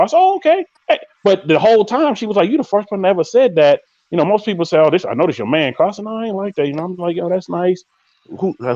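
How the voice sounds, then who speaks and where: A man hosting a live podcast, chatting casually and telling stories in a slangy, animated way, acting out quoted lines. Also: a little high, dry recording, dull audio. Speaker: podcast host. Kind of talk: casual live-stream chat.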